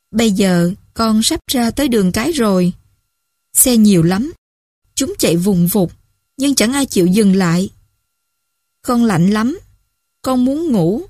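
A woman voicing a drunk, frightened teenage girl calling home at night, slurred and halting. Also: mid-range voice, darkish tone, dry recording, studio quality.

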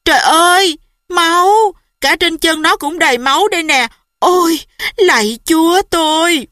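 A panicked mother cries out in a high, bright voice, as a woman reading the story puts her on. Her alarm rings sharp against a dry, close recording. She sounds like she can barely stay steady. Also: normal speed, dry recording. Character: frantic, loving mother. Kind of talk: audiobook character voice.

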